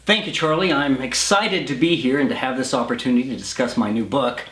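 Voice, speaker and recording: Actor as flustered professor in an echoey room. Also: male voice, medium pitch, a little fast, a bit bright, natural voice. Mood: strained politeness. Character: flustered, defensive male professor promoting his book. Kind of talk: naturalistic screen acting.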